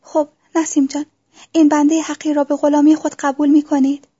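A woman reading the lines of a devoted young man in love, in a soft, earnest storybook voice. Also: sits high, little pitch movement, lightly acted. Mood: playful. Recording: dull lo-fi recording.

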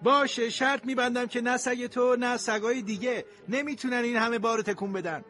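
A scoffing man who is sure the bet can't be won, put on by a male storyteller. His voice sits very high and he sounds dismissive and mocking throughout. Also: steady tone, pushed and bright, soft background music. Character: scoffing grown man, doubtful bettor. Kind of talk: storybook reading.

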